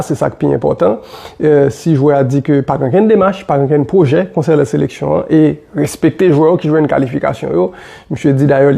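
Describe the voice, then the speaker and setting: Gravelly Haitian man commenting on football. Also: on the high side. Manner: animated, repeats points with many fillers.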